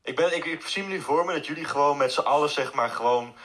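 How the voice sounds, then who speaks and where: A man's voice: fairly high pitch, quick pace, a bit bright. A man from the Netherlands with a Dutch accent, chatting casually and informally as a podcast guest. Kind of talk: casual chat.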